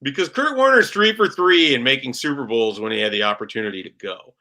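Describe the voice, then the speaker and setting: A man with a bright, forward voice chats loosely about sports as a guest reporter. He rambles in a relaxed, conversational way, filling gaps with frequent "like"s. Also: medium pitch, a little fast. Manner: chatty, rambling with frequent "like" fillers. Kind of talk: casual podcast conversation.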